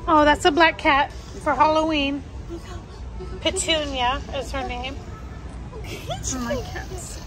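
A woman's voice: high-pitched, expressive, takes it slowly, pauses often, music in the background, a crowd in the background, low-quality recording. A woman in her thirties chatting to her phone camera while walking through a pet store, giggly and casual. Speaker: vlogger. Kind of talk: casual vlog chat. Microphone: phone at arm's length. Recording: store noise behind.

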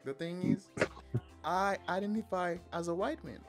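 A man's voice: high voice, measured pace, faint music behind. A man streaming random video chats, bantering and joking with strangers on a computer mic. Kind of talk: casual chat.

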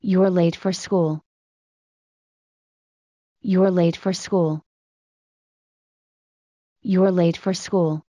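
A woman's voice: lowish voice, fairly even intonation, drawn-out words, long pauses, no echo, dull audio. A woman reading short English practice sentences aloud, each one repeated in a plain, evenly paced model delivery. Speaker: English phrase reader. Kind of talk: slow repeated phrase drills.

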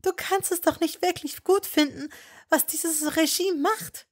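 A woman's voice: extremely high pitch, measured pace, voice pushed up. A woman reading a fan story and voicing a desperate young witch who presses and pleads insistently. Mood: pleading. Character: desperate, stubborn young witch held captive.

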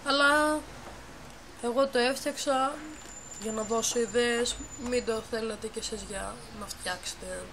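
A young woman with a fairly high voice and mostly even intonation gives a casual tour of a game she built, halting and correcting herself as she explains each step. She sits in a dim room at home beside a computer. Her phone camera films the monitor, so the home recording is noisy.

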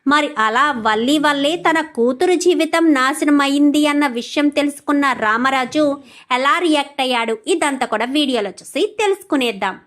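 A woman with a notably high voice narrates a scripted TV serial recap. Her telling is dramatic, and she keeps posing questions as she moves through the story. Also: normal speed, fairly bright tone.

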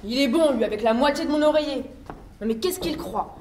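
Actress playing a prickly hotel maid, bright high voice, huffy, echoey stage. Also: female voice, a little fast, slight background noise, natural voice. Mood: tart. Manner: tart, indignant. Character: indignant young hotel maid, sharp-tongued. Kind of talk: stage play acting. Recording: echoey theater stage recording.

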